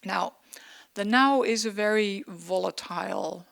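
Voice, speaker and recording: A woman's voice: medium pitch, unhurried, gravelly, fairly bright tone. A woman moderating a panel discussion, chatty and often searching for words.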